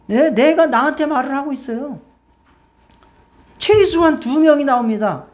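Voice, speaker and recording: A woman's voice: sits high, expressive, unhurried, a little mellow. A woman pastor preaching in church, telling a story and asking the congregation questions. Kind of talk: sermon with storytelling.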